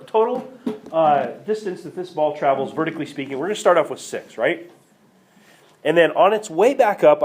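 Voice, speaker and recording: Casting: male classroom math teacher, coughing now and then, animated delivery, talks to students. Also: a little high. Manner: checks in with students, asks questions. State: coughing, slightly hoarse. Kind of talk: classroom lecture screencast. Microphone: tablet screencast mic.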